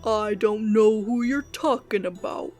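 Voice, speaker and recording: A woman voicing a brutish, slow-witted male gate guard in a tabletop game, gruff and angling for a bribe. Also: high voice, darkish tone, soft background music.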